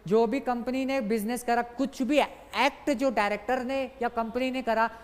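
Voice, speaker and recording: A young man gives an exam-prep lecture in a brisk, coaxing way, calling his students "sir" again and again and hammering key points through repetition. His voice carries a long, lingering reverb, as if recorded in a large hall. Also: extremely high pitch, fairly even intonation. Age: young adult. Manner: repeats key points for emphasis. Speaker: exam tutor.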